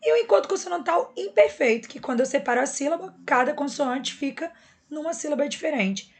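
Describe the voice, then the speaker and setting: A woman's voice: high voice, expressive, fairly quick. A woman teacher explains a lesson patiently and step by step, checking in often with her students. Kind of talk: recorded classroom lesson.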